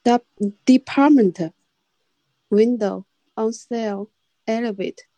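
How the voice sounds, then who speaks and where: A Mandarin-speaking woman reads English vocabulary slowly and haltingly, repeating words after her tutor. Her voice is mellow and dry, close to the mic. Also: fairly high pitch, no room sound, rough recording. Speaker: adult English student. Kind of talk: reading vocabulary aloud and repeating.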